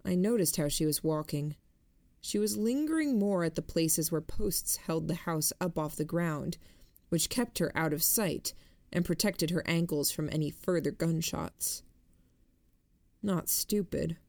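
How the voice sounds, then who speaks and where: A woman narrates a first-person story at a slow, measured pace. Her voice sits slightly low. The recording is close and dry, with no room sound. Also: a little mellow, dry recording. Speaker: audiobook narrator.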